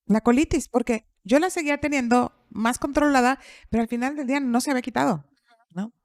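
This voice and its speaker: In studio-quality audio without echo, a middle-aged podcast speaker with a fairly high voice shares a personal story in relaxed chat. She acts out what people said and leans on repeated phrases to stress her points.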